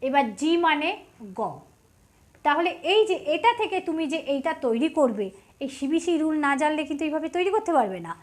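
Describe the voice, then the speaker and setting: Brief: high-pitched woman tutor, patient, sounds out each letter. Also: animated, fairly quick. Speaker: English spelling teacher.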